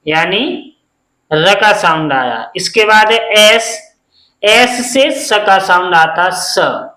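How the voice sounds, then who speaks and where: A man's voice: sits high, pushed and bright, echoey room, poor audio. A man teaching a beginners' phonics lesson, spelling words letter by letter and answering his own questions.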